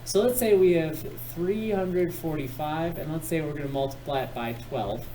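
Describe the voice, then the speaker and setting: A man's voice: a little high, normal speed, mellow, a little hiss or hum, low-quality recording. Patient male math teacher in class. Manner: patient, encouraging, guides step by step. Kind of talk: classroom instruction.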